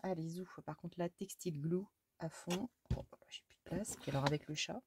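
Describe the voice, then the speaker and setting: A woman's voice: fairly low pitch, moderate pace, noisy background. A woman from France chatting casually as she works on a scrapbook, muttering to herself, exclaiming at small mishaps and talking fondly to her cat. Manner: talks fondly to her cat between steps. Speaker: scrapbooking crafter. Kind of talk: casual crafting vlog chat.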